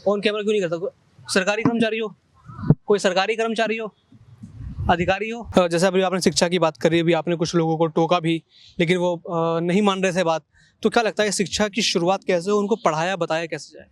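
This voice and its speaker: A man's voice: high-pitched, steady tone, a little fast. A male reporter asking questions in a street interview outdoors, insistent and persistent. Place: outdoors by a river.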